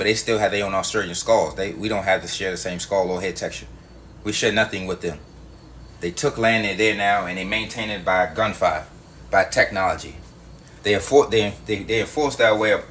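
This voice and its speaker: A video host delivers a heated, profane monologue to his viewers, hammering his points emphatically and repeating them. His voice sits low with a fairly bright tone, and there's a little hiss or hum.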